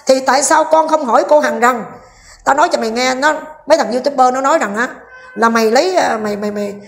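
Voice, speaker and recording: A woman's voice: high-pitched, fast talker, vocal fry. A woman vlogger, delivering a heated, combative rant and scolding while speaking directly to her viewers.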